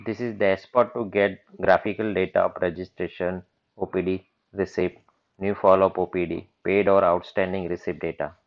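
Recorded on what sounds like a basic computer mic, with dull, lo-fi audio, a very low-voiced man walks through software screens one step at a time. He keeps a level tone at normal speed, explaining things plainly and matter-of-factly in this screen-recorded demo.

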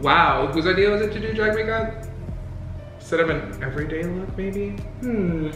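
A man's voice: high voice, normal speed. A young man chatting casually over his makeup with sassy, campy drag-queen banter. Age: young adult. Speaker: makeup vlogger. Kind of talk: casual chat during makeup. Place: small indoor room with bare wall. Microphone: camera a few feet away. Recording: very echoey room, music underneath.

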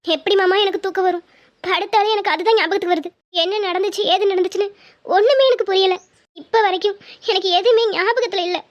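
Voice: very high-pitched, steady tone, fast. A performer voicing a tearful, frightened young woman in a cartoon serial. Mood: grieving. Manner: distressed, questioning. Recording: dull lo-fi sound.

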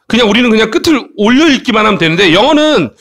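High, bright-voiced man teaching. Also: sing-song, fast talker. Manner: coaxing, frequent tag questions. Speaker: English teacher. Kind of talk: online English lesson for children.

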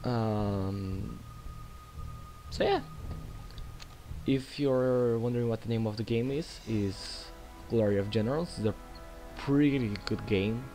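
A young Brazilian Portuguese-accented man, host of a gaming channel, talks slowly at medium pitch, leaving long pauses. His casual commentary on his strategy game is loaded with fillers and restarts, set against loud game music and combat sounds.

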